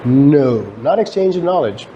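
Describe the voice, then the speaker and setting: A lecturer and academic researcher from Guyana who emigrated to Canada explains material to students in a lecture room, conversationally posing questions and answering them himself. His voice is a little high, warm and a little slow, with lively intonation. The live recording is clearly noisy, with the highs cut off.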